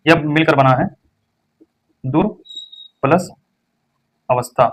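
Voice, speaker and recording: A young man teaching an exam-prep Hindi lesson. He stresses each word and then repeats it slowly. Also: fairly high pitch.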